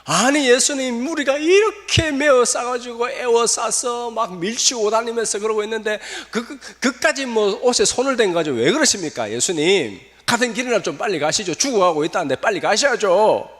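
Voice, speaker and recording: A male pastor voicing an impatient male disciple who urges his master to hurry, speaking high, slow and pleading. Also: animated, a bit bright. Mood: exasperated. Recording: long reverb of a church hall.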